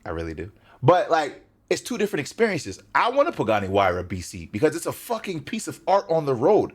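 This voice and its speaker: Lively, joking young male streamer. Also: fairly high pitch, a little fast. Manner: loose, joking, talks to chat. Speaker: streamer reacting to a video. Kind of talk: casual reaction commentary.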